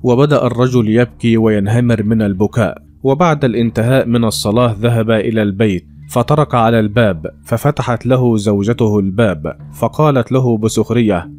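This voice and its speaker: A man narrating a religious moral story in a steady, plain storytelling way, at times addressing listeners as friends. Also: medium pitch, brisk.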